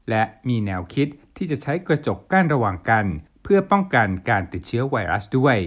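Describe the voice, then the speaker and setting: A man reporting the news, reading a formal script in a polite, measured way as a studio voice-over. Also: medium pitch. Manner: polite formal delivery with Thai polite particles.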